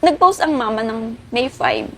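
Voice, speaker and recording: A woman's voice: fairly high pitch, huge pitch swings, unhurried, a bit bright, a little hiss or hum. A woman being interviewed, politely recounting a painful story while close to tears. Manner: polite, addresses interviewer as ma'am. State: emotional, near tears. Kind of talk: tearful personal account.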